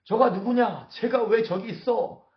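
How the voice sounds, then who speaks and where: A man voicing suspicious Philistine lords, loud and agitated in their questions. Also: on the high side, brisk, close to an everyday voice. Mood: alarmed. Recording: roomy, dull lo-fi sound.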